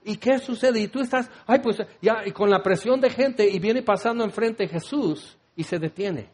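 A man's voice: sits high, moderate pace, darkish tone. A man preaching a sermon, rambling and joking as he acts out the scene with voices. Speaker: pastor.

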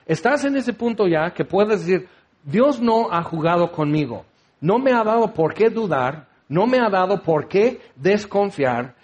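A man's voice: sits high, animated, measured pace, a little mellow. A man preaching a sermon, teaching with rhetorical questions and acting out the voices he quotes.

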